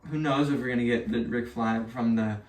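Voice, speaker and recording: A man's voice: mid-range voice, steady tone, fairly quick. A man co-hosting a weekly news roundup, chatting casually and reading articles aloud, with lots of fillers and restarts. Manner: rambling with many fillers and restarts. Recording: echoey room, mic at a distance.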